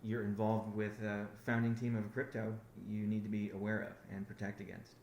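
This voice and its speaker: In a brisk, level, slightly mellow voice on the low side, a company founder rambles through a business update on a conference call, correcting himself and restarting sentences often. An echoey room and slight background noise come through.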